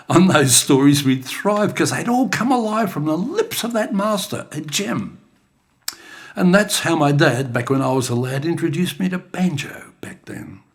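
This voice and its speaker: An older man reciting his own poetry in an expressive, dramatic style in a studio. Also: fairly high pitch, unhurried, vocal fry. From Australia. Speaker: bush poet. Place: creative studio.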